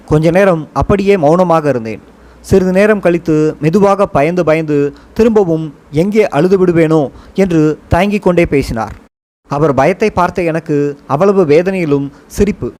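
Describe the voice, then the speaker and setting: A man narrating a first-person memoir for an audiobook, his voice sitting a little above the usual male range. He reads in a measured, reflective way, steady and unhurried. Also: fairly high pitch.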